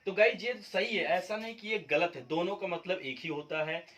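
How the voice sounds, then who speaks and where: A man's voice: high-pitched, normal speed, fairly bright tone, poor audio. A man from India teaching spelling differences, explaining step by step and checking in with his viewers often. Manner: repeats points, checks in with viewers. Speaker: English teacher. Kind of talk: classroom-style explanation.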